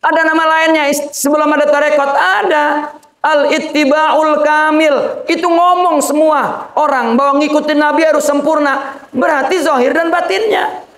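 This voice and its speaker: Male preacher, very high voice, casual joking sermon, roomy echo. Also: fairly even intonation, normal speed, a bit bright. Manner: colloquial, joking asides, addresses listeners as "Pak". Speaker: sheikh preaching to a gathering. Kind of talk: informal religious sermon. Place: Islamic boarding school gathering. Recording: echoey room.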